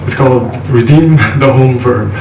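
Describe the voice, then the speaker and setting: A man's voice: mid-range voice, normal speed. A young man from Nepal performing spoken word poetry at a live student event, with a rhythmic, intense and wry delivery. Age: young adult. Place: live venue with an audience. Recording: echoey room from a distance, noisy.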